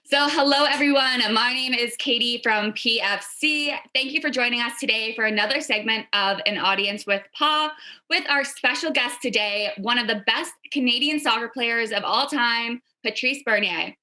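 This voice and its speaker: A woman's voice: a little high, normal speed, sharp tone. A woman from the club staff giving an upbeat, scripted introduction to a live interview. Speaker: team staff presenter.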